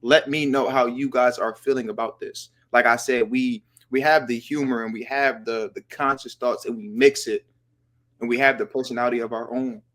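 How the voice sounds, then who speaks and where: A man hosting a casual podcast chat, talking in slangy, animated bursts and sometimes dropping to a whisper for effect. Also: mid-range voice, moderate pace. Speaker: podcast host.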